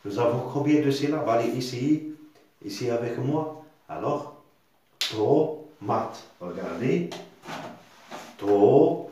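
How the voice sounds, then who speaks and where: A man's voice: mid-range voice, a little mellow, a little hiss or hum. A man teaching a reading lesson, patiently repeating words and sounding out syllables one by one. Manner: repetitive, patient, sounds out syllables slowly with tags like hein. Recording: very echoey room.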